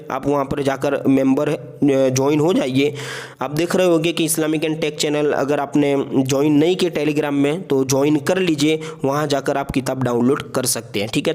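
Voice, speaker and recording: A man teaching the alphabet in a patient voice-over lesson, repeating each letter slowly and checking in often. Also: a little high, darkish tone. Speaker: Urdu teacher.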